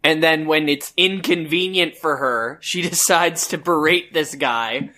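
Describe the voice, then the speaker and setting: A man's voice: fairly high pitch, a little slow, bright, forceful tone. A man co-hosting a podcast, chatting casually about a book and rambling with lots of "like" and "um". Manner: rambling, full of "like" and "um". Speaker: podcast co-host. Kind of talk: casual book-discussion chat.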